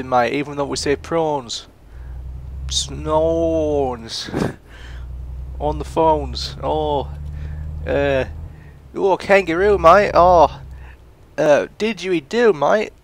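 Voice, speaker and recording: A man's voice: fairly high pitch, very slow, gravelly, voice pushed up, heavily acted. A man putting on a rowdy mock Australian bloke. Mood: boisterous mockery. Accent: put-on Australian over British. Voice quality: loud, exaggerated, drawling. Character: jokey stereotyped Australian bloke, male adult.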